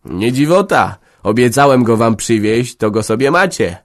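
Man doing old joking villager, slow and drawn out, storybook role. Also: mid-range voice, expressive, close to an everyday voice.

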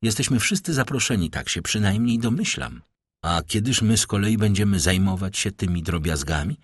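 A man reading an audiobook, voicing a timid, gentle young woman who speaks shyly and softly in a husky voice. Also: on the low side, normal speed, dry recording, studio quality. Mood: dismissive. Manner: shy, soft-spoken.

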